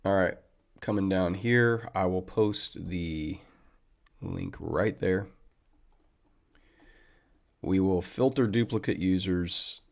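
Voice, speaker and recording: A man's voice: sits low, takes it slowly, pauses often. A man hosting a trading livestream, chatting casually and upbeat with viewers and calling them man and buddy.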